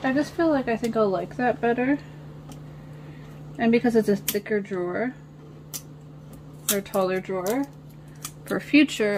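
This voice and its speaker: A woman's voice: mid-range voice, noisy background. A woman vlogging casually while she organizes her nail studio, rambling and talking to her viewers. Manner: rambling, chatty, talks to viewers as guys. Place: home nail studio, sitting on the floor.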